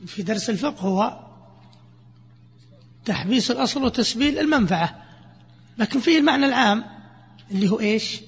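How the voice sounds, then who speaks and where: Guy teaching grammar, high-ish voice, asks then answers his own questions, echoey muffled hall recording. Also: lively intonation, husky. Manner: asks questions and answers them himself, repeating examples slowly. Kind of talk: classroom explanation of grammar. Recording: echoey, dull lo-fi lesson recording.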